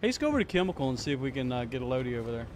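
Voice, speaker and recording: A man's voice: medium pitch, sing-song, very fast, slight background noise. A male streamer chatting casually and joking with his friends while playing a shooter game. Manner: folksy, joking, greets friends warmly. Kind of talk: casual live-stream chat while gaming.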